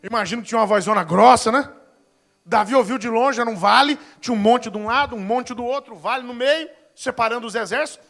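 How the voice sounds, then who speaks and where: A man in his forties preaching a lively, humorous sermon as pastor, acting out Bible scenes in voices. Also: very high-pitched, fast, gravelly. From Brazil. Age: 40s. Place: church.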